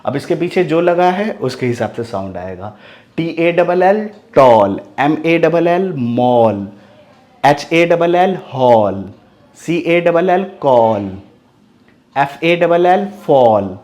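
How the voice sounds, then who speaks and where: A man's voice: a little high, big pitch swings, slow, darkish tone. A man teaching English phonics, spelling each word letter by letter and repeating it, asking the class questions and answering them himself. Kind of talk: phonics lesson.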